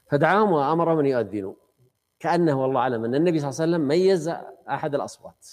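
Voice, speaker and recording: A man's voice: fairly high pitch, darkish tone. A man teaching a study circle, explaining a classical text conversationally and quizzing his students.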